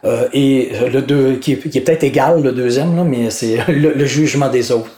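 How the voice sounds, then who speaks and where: A man's voice: medium pitch, normal speed. Spontaneous Québécois man in a roomy space. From Quebec. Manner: spontaneous, animated, laughs often, says "là" a lot. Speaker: motivational speaker, guest. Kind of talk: casual interview talk.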